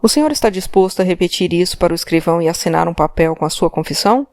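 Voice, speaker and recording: A woman's voice: lowish voice, lively intonation, rapid-fire, darkish tone, no room sound. Woman reading as a hard-pressing male commissioner, insistent questions, dry close recording. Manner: insistent, interrogating, demanding. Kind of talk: audiobook character voice.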